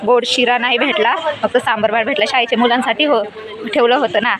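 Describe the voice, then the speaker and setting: A woman chatting excitedly to her viewers in a casual vlog, filmed outdoors on a handheld phone. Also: on the high side, fast. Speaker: vlogger. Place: outdoors by a road, in fields and at a temple. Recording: loud crowd and traffic noise outdoors. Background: loud crowd chatter and vehicle noise.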